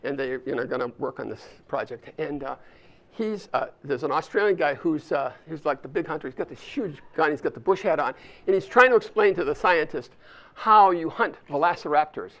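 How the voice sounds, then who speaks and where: An older man with a voice on the high side and a somewhat bright tone talks a little fast. He is giving a chatty leadership talk at an alumni volunteer summit, taking a live audience in a university event space through a hands-on exercise.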